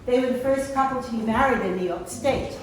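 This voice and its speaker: A woman's voice: fairly high pitch, a little fast, recorded from a distance, very noisy. A woman who is a guest performer, telling a chatty anecdote as a toast at a party. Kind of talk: casual storytelling toast. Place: event venue hall. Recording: very echoey hall.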